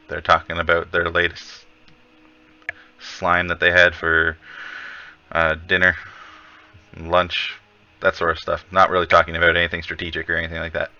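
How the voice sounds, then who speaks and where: A man's voice: deep voice, bright, forceful tone, clean tone, lo-fi sound. A man narrating as game master of a tabletop game, hesitating with lots of ums and uhs. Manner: hesitant, filler-heavy narration.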